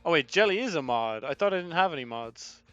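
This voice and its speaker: A man's voice: fairly high pitch, lively intonation, fast, fairly bright tone, lo-fi sound. A young man, a team coach, talking casually through match footage on a livestream, chatting with viewers and swearing now and then. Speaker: esports head coach reviewing match footage. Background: faint music playing.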